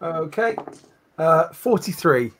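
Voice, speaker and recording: A man's voice: a little high, lively intonation, slow, a bit bright, a little hiss or hum. A man chatting casually as a player in a tabletop roleplaying game.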